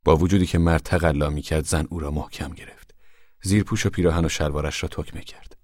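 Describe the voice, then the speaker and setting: A man giving measured, solemn scripted narration of a novel for a radio drama. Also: very deep voice, steady tone, darkish tone, no echo, clean studio sound.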